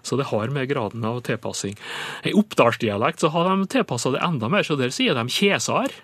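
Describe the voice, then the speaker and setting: A man as a radio dialect expert, answering listener questions in a measured, explanatory way with frequent pauses. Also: medium pitch, a bit bright, husky, no room sound.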